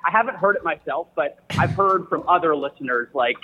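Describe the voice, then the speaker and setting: A man phones in from a subway station, and his voice echoes as if from a tunnel through a muffled, lo-fi line. He sits a little high for a man and teases in a dry, deadpan way. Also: a little fast, a crowd in the background. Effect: phone call echoing from a subway tunnel. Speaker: phone-in guest.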